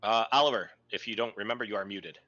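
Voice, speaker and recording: Brief: bright, forceful male game master, halting narration, dull lo-fi mic with faint music. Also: fairly low pitch. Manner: hesitant narration with many ums and restarts. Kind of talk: narrating a tabletop game online.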